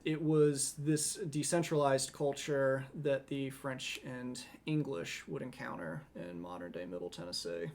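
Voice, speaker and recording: A man co-hosting a podcast, explaining history in a steady, conversational lecturing way with occasional restarts. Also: medium pitch. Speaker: podcast co-host.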